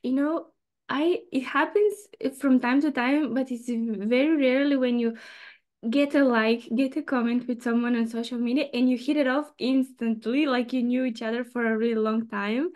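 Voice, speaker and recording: A young woman hosts a podcast interview over a video call, her voice sitting a little high. She is friendly and chatty, and often pauses with "uh" or "like" as she looks for words. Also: steady tone, darkish tone. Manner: friendly, chatty, thinks aloud with fillers. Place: room at home with plants and shelves, indoors. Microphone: webcam on a video call.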